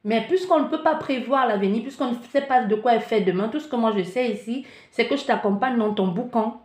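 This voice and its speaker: Her voice a little high and a little fast, a woman offers spiritual guidance drawn from tarot cards, recorded in an echoey room. She talks animatedly, frequently restarts or hunts for words, and plays out the listener's panic in asides.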